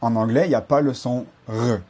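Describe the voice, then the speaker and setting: A man's voice: medium pitch, steady tone, a little fast, dark tone, breathy edge. A man teaching a pronunciation lesson as a language coach, patiently explaining and repeating sounds to demonstrate them.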